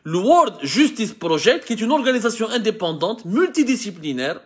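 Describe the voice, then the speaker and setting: Animated Algerian man explaining. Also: sits high, normal speed, husky. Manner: mixes French with Algerian Arabic, many restarts and lists. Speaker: host of a live show. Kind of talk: talking to camera, explaining to viewers.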